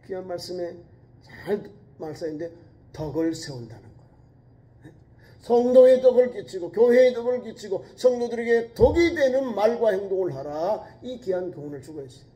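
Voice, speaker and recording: A man pastor delivering a sermon, preaching emphatically with repeated exhortations and swinging between raised urgent lines and low quiet asides. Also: expressive, moderate pace. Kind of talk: sermon at a midweek prayer service.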